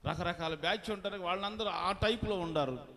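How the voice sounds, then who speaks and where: A man preaching, his somewhat high voice ringing through a church hall with a long, trailing reverb. He moves between quiet, confiding asides and loud proclamations, and he keeps calling on the congregation to answer him and clap. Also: brisk. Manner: calls out to the congregation for hallelujahs and clapping. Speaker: pastor. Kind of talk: fasting prayer sermon.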